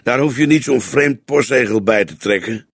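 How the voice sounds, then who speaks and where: A man's voice: mid-range voice, normal speed, slightly rough, no echo. A man voicing a grey-haired veteran male detective who speaks in a dry, patient, lecturing way.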